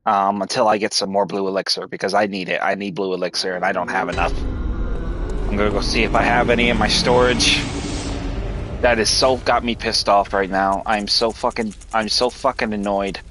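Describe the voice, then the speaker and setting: A man's voice: lowish voice, fairly even intonation, normal speed, noisy background. A man streaming a video game, giving live commentary while frustrated, swearing often and stumbling over restarts. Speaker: gameplay streamer.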